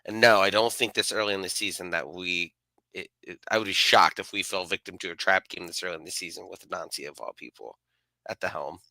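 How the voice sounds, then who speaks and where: A man co-hosting a podcast, chatting casually about soccer and thinking out loud. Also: low-pitched, fairly quick, vocal fry, no room sound, poor audio. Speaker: podcast co-host. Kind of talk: casual sports chat.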